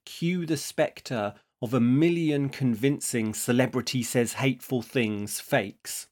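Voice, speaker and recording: A man hosting a podcast, reading a script with a measured, explanatory delivery. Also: mid-range voice. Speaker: podcast host.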